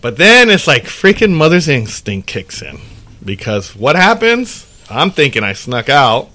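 A man's voice: mid-range voice, measured pace. A man hosting a podcast, telling a rambling story in casual chat and acting out the dialogue. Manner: rambling, animated storyteller who acts out dialogue. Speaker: podcast host.

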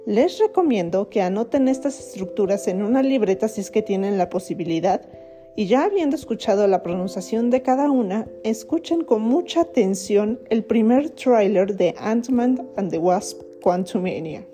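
A woman's voice: medium pitch, lively intonation, normal speed, mellow, faint music behind. A woman teaching English grammar on a podcast, explaining patiently and repeating each phrase. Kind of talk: podcast lesson.

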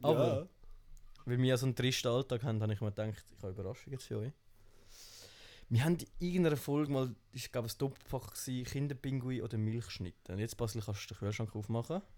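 A man's voice: medium pitch, quick pace, darkish tone. A man with a Swiss German accent chatting casually as a podcast co-host, with a dry, teasing manner. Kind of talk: casual chat.

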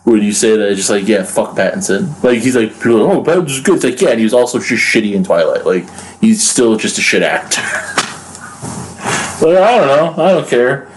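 A man talking as a guest on a casual podcast, rambling and swearing a lot, with bursts of rapid talk. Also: lowish voice, lively intonation, a little hiss or hum, low-quality recording. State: hungry. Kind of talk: casual chat.

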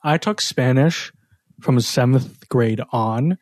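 A young man from the United States hosts a casual podcast chat with a middle-pitched voice. He answers in dry, understated quips. The sound is close and dead, with no room echo. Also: slow pace. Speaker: podcast host.

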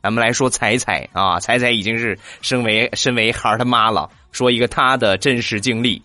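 A man's voice: medium pitch, steady tone, fairly quick, pushed and bright, dry recording. A man hosting a comedy show, telling funny stories and switching voices for each character. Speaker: radio comedy host. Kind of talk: comic storytelling.

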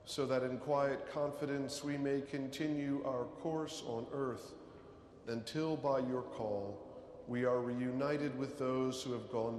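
A man serving as officiating priest, reading funeral prayers in a measured, solemn way, his voice carrying a cathedral echo. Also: medium pitch, a little mellow, a little hiss or hum. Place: large cathedral. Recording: roomy cathedral echo with long reverb, faint ambience.

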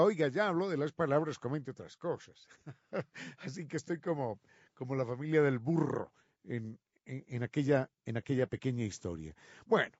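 A fairly high-voiced man explains how words changed, slowing down to stress each example. The recording is dry and a little dull. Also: darkish tone, no room sound. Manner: slow, emphatic on example words. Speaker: radio presenter of a language segment. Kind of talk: explanatory talk on word origins.

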